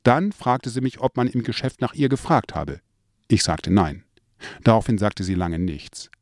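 A man reading his own memoir aloud, telling a childhood story in a lively way and lifting his voice for the remembered lines. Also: fairly low pitch, moderate pace, dry recording, studio quality. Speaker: narrator.

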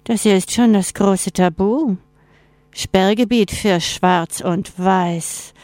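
A woman's voice: mid-range voice, takes it slowly, darkish tone, no room sound, faint music behind, natural voice. A woman voicing an arrogant night creature that hisses and whines. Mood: sneering. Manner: hissing, whining.

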